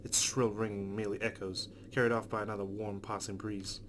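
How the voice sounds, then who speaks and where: A man reads a visual novel's narration a little fast, his fairly low voice breaking off for casual reactions of his own. He's hosting a let's play, recorded against steady, loud background noise.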